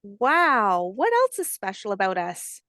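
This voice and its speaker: In a storybook, a woman gives voice to a curious, excitable baby alligator that asks questions eagerly and wide-eyed. Her pitch is medium and her pace unhurried, recorded cleanly in a studio with no echo.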